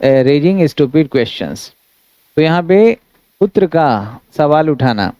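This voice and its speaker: Man teaching grammar, dark dry voice. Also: fairly high pitch, clear, resonant tone, no room sound, dull audio. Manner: reads English sentences slowly, explains in Hindi; addresses students as friends, steady instructive delivery. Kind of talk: exam-prep grammar lesson.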